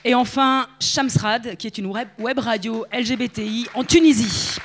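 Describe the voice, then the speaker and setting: A woman's voice: fairly high pitch, moderate pace, slight background noise. A woman hosting an award ceremony, announcing nominees and winners. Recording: music and crowd behind voice.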